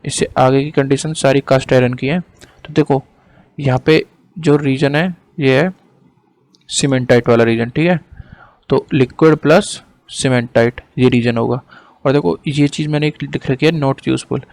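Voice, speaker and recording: A male tutor talks through an on-screen diagram in a relaxed, chatty way. He slows right down to dictate definitions word by word, then speeds up to explain in between, with a middle-pitched voice. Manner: casual, apologizes for hesitating. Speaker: teacher. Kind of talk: lecturing over a screen diagram.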